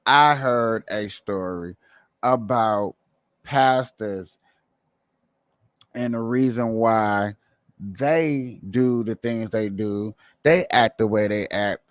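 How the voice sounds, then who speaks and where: A man's voice: fairly low pitch, slow, smooth, dry recording. A man hosting a livestream with casual political commentary, opinionated and colloquial, repeating phrases for emphasis. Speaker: livestream host.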